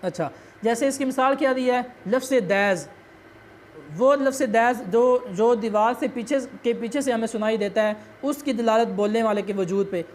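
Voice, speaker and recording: High-voiced woman teaching patiently. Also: brisk, darkish tone, slight background noise. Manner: explains step by step with rhetorical questions and repeats terms. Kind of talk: classroom lecture explaining a text.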